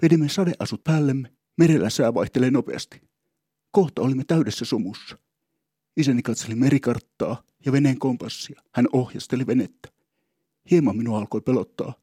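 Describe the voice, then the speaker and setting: Husky, rambling male storyteller. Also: mid-range voice, dark tone, no echo, studio quality. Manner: rambling, stops and restarts mid-thought. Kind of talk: humorous first-person storytelling.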